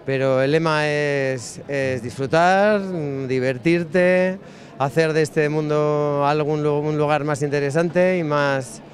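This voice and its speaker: Man, musician, reflective, hesitant restarts, slightly high voice, handheld mic. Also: slow pace. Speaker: band musician. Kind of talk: casual interview answers. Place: crowded bar, indoors. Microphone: handheld mic held by interviewer.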